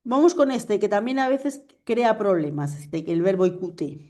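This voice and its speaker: Patient woman teaching French, mellow voice. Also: mid-range voice, expressive, normal speed. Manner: patient, checks understanding often. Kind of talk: online class explanation. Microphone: video call.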